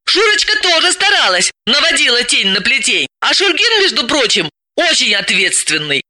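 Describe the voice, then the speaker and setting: A man reading an audiobook, voicing a timid, indignant young woman sleuth in a high, breathless, exclaiming voice. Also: sing-song, moderate pace, bright, forceful tone, no echo, studio quality, full character voice. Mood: defensive.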